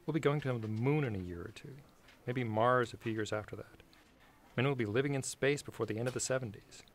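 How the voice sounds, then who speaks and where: A man's voice: mid-range voice, brisk, a little hiss or hum, lightly acted. A man voicing an earnest, insistent 1960s office-worker puppet in a comedic parody.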